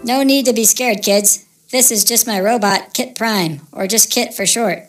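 Kind alien traveler, a woman doing it, formal polite talk, a bit high, kids storybook podcast. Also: unhurried, natural voice. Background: soft music.

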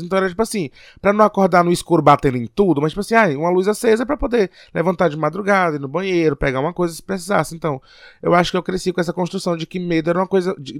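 A podcast co-host from Piauí, Brazil talks casually, thinking aloud in a reflective, slightly hesitant way. His gravelly voice sits a touch high, and the recording is dry and close with no room sound.

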